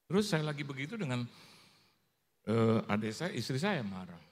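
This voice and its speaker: Animated male pastor in an echoing church. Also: mid-range voice, moderate pace. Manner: animated, humorous storytelling with acted-out voices. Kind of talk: sermon. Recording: long church hall reverb.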